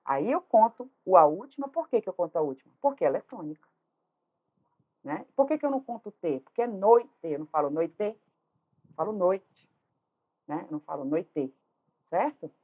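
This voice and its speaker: A woman's voice: fairly low pitch, sing-song, a little fast, slightly rough. A woman teaching a literature lesson, explaining step by step and checking in with tag questions. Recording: tinny phone-like audio.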